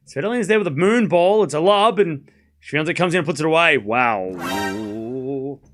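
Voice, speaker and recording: A man with a hoarse smoker's rasp, giving casual live tennis commentary and chatting informally with viewers, often repeating scores and phrases. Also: on the high side, expressive, moderate pace, a bit bright, faint music behind. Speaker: host of a live tennis watchalong.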